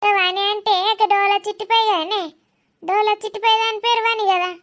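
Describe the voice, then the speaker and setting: A loud, teasing village mother talks in a rustic, scolding way, as a woman acts her out in a comedy skit. Her voice sits very high. She mocks everyone around her. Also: steady tone, normal speed.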